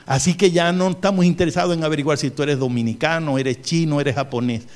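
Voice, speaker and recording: A middle-aged male pastor preaching a sermon with emphatic repetition, humorous asides and wide swings in pitch. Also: fast talker.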